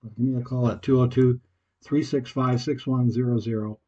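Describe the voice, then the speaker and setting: A man's voice: mid-range voice, steady tone, normal speed, dark tone. A man leaving a voicemail over a landline phone, hesitant, with frequent filler sounds. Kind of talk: phone message. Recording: muffled landline phone line.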